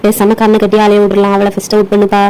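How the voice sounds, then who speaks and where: A woman's voice: medium pitch, completely flat delivery, fast, a little mellow, clear, resonant tone, natural voice, rough recording. A woman voicing a tired young woman doll who pleads to be let off, in a doll play story. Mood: pleading.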